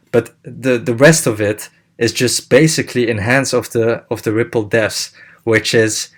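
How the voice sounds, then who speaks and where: A young man hosting a crypto channel, explaining in a casual way with many fillers and restarts. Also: medium pitch.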